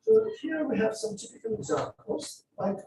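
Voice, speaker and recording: A man from Uzbekistan lecturing a class on spoken English, explaining points in an animated, demonstrative way. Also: extremely high pitch, normal speed, a little hiss or hum. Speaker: English teacher. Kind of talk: lecture on exam speaking skills. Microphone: distant room mic. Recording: very echoey room, voice from far off.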